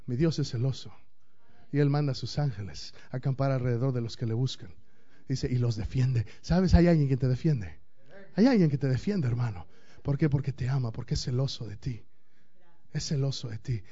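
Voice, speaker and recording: A man preaching a sermon as pastor, swinging between loud declaiming and hushed, intimate passages. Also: mid-range voice, normal speed, husky, highs cut off.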